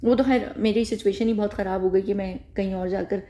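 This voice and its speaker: A woman's voice: mid-range voice, steady tone, brisk, warm tone. A woman talking casually to her viewers in a rambling way, repeating phrases and correcting herself as she goes. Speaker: YouTube commentator. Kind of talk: casual spoken commentary to camera.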